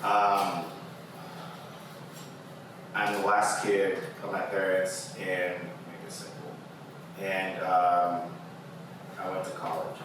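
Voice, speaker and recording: A man's voice: deep voice, monotone, slow pace, long pauses. A man on a casual group chat panel, laid-back and joking. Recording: echoey room from a distance with background noise.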